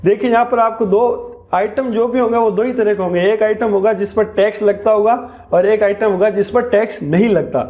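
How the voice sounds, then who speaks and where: A man teaching accounting software in a screen-recorded tutorial, walking through each step and slowing down on key terms. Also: high-pitched, fairly even intonation.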